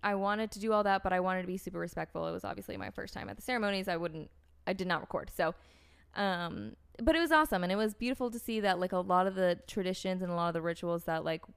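A young American woman talks fast in a low, creaky yet clear and resonant voice while telling a personal story in conversation. Her storytelling drifts, heavy on "like" and "um," with frequent restarts.

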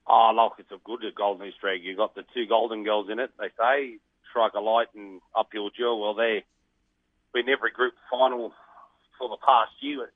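A man's voice: on the low side, steady tone, moderate pace, no echo. An Australian man with a plain, colloquial tradesman's way of talking, giving a casual interview as a greyhound trainer. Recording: narrow, muffled phone-line sound.

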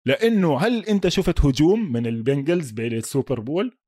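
A sports podcast co-host with a Levantine Arabic accent joins a casual chat about American football, speaking emphatically, sprinkling in English sports terms and asking checking questions. His voice is on the high side, expressive, fast and mellow. The studio-quality recording has no room sound.

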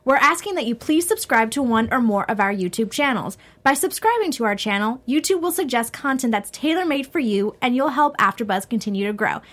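A woman's voice: on the high side, expressive, brisk, few pauses. A bubbly woman panelist on a TV aftershow who laughs easily and reads a channel announcement. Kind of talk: casual chat, read announcement.

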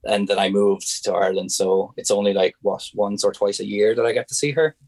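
Dry, low-voiced Hungarian man, hesitant. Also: steady tone, brisk, a little mellow, no room sound. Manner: hesitant, searching for words, frequent restarts. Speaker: guest. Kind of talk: casual conversational interview.

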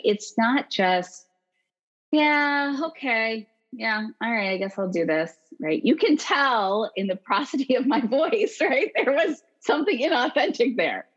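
A woman's voice: lowish voice, dull audio. A woman as a podcast guest, explaining things animatedly and acting out quoted voices. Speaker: podcast guest, consent educator. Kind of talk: podcast interview.

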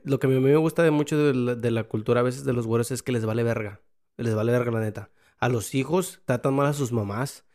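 A man's voice: mid-range voice, a little mellow. A man with a Mexican Spanish accent, a father talking in a loose, rambling way in casual conversation, full of slang and switching into English.

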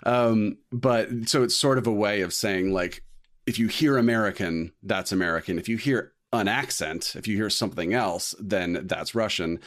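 A man with a low, deep voice talks through a film in an easygoing podcast chat. He rambles, circles back and restarts his sentences, leaning on fillers as he works out each point. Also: normal speed, a bit bright. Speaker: podcast co-host. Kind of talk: casual film discussion.

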